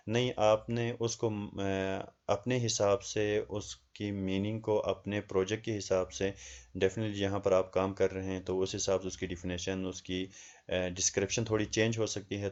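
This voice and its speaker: A man's voice: sits low, darkish tone, lo-fi sound. A man with a Pakistani Urdu accent, teaching a lesson and explaining a research assignment step by step with frequent hesitations. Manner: explains slowly with many hesitations, reads questions aloud in English.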